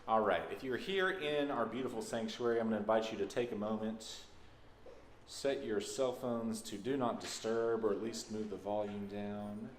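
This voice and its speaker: This is a man from Texas, a minister, giving a congregation an informal, homespun spoken welcome during a service. He has a lowish voice and talks at a normal speed. Echo from the big sanctuary and background noise are audible.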